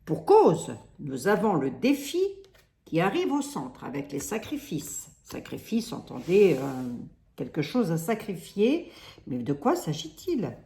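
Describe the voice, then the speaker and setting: A woman with a Lorraine French accent rambles through a casual tarot reading, hesitating, restarting sentences and dropping in "hein" often. Her low voice swings hugely in pitch at a measured pace, creaky yet mellow, in an echoey room.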